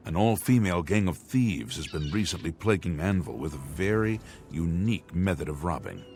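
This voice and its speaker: A man's voice: low-pitched, lively intonation, moderate pace, darkish tone, faint music behind. A man voicing a gossipy town guard in a video game, speaking in an insinuating, suggestive way. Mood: sly.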